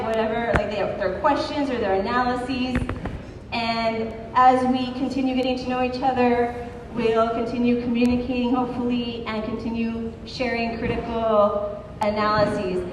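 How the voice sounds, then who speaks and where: Woman organizer, high voice, earnest, echoey hall far from the mic. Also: a little hiss or hum. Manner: earnest, thanking, often restarting phrases. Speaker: workshop organizer. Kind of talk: introducing a workshop. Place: large hall with an audience. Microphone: handheld microphone.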